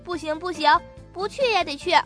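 A woman's voice: very high-pitched, fairly quick, fairly bright tone. A woman voicing a stern, angry old male monkey who scolds in a demanding way, over faint music. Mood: bossy.

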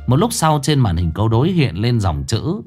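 A man narrating a comic folk story in an animated, mocking way. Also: medium pitch, moderate pace, slightly rough, faint music behind.

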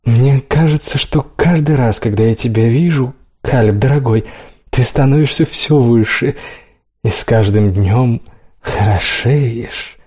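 A man's voice: medium pitch, unhurried, a little mellow, husky. A man voicing a theatrical, tipsy middle-aged mother who gushes and draws her words out. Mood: gushing.

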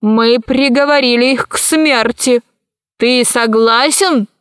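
A stern ruling queen voiced by a woman reader hands down orders in a cold, commanding tone. Her voice sits fairly high and moves at an unhurried pace. The sound is close and dry. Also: fairly bright tone, clean tone, dry recording. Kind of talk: audiobook character voice.

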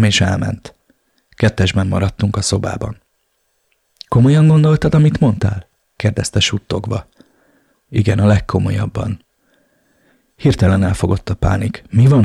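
A man reading a novel aloud in first person, with a steady storytelling manner. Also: fairly low pitch, creaky, slightly rough, no room sound, clean studio sound. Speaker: audiobook reader.

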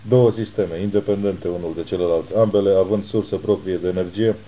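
A man reading the lines of a private detective who speaks in a measured, reassuring way. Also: deep voice, steady tone, mellow, natural voice, rough recording. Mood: grave.

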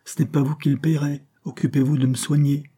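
A man reading a proud, fierce young governess, a woman, in an audiobook, with sharp, defiant retorts. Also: medium pitch, fairly even intonation, a little fast, husky, pitched above the performer's own voice, natural voice. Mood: scornful.

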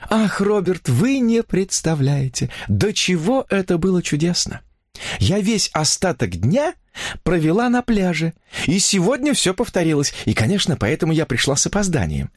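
A man's voice: sits high, big pitch swings, moderate pace, no echo, studio quality, pitched above the performer's own voice. Man putting on a gushing young woman.

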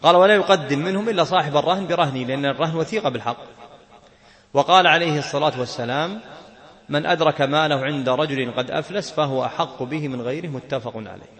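Fast-talking male teacher. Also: fairly high pitch, a bit bright. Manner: questions and answers himself, laughs now and then. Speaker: Islamic jurisprudence teacher. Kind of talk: explaining a fiqh text.

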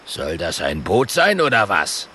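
A man's voice: deep voice, wildly swooping pitch, a little slow, sharp tone, a little hiss or hum, heavily acted. A man doing a grumpy grumbling hippo. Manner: grumbling, gruff. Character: grumpy big river hippo.

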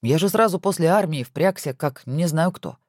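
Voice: mid-range voice, lively intonation, moderate pace, darkish tone, dry recording, clean studio sound, pitched above the performer's own voice, lightly acted. A reader voicing a good-natured husband who banters playfully with his wife, in a storybook reading.

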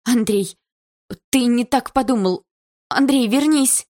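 A woman's voice: mid-range voice, moderate pace, darkish tone, dry recording, clean studio sound, voice pushed up, natural voice. A woman voicing an anxious middle-aged mother who soothes and then pleads in an audiobook. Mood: frantic.

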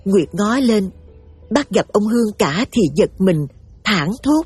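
A woman giving steady, emotive scripted story narration over faint music. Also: mid-range voice, slow pace, husky, no room sound.

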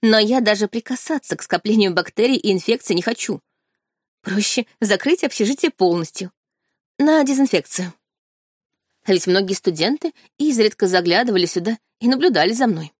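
A woman's voice: mid-range voice, animated, moderate pace, breathy edge, no room sound, studio quality. A woman reading a first-person audiobook with a wry, haughty tone. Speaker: audiobook narrator.

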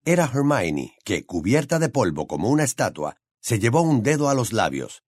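A male narrator reads a fantasy audiobook with dramatic expression. His pitch moves freely through each sentence. The sound is dry and close. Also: sing-song, normal speed, a little mellow, no echo.

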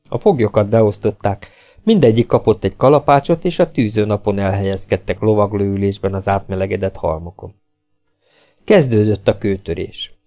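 Warm-voiced male audiobook narrator. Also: fairly low pitch, gravelly. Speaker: audiobook reader.

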